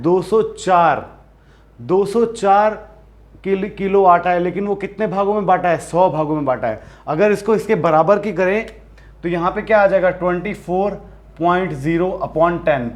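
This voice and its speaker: A man teaching a maths lesson, explaining step by step and asking the class questions as he goes, with frequent restarts and self-corrections. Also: high voice.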